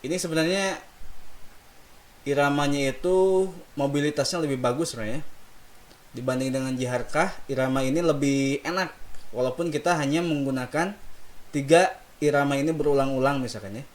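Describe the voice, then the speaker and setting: A man teaching Quran recitation melody, explaining slowly and patiently and singing sample phrases for students to repeat. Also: medium pitch. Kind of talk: recitation lesson with call and response.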